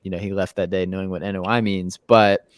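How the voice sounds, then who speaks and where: A man's voice: sits low, level tone, fairly quick, no echo, studio quality. A twenty-two-year-old man hosting a casual podcast interview, talking conversationally with repeated words, "you know," and "bro.". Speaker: podcast host.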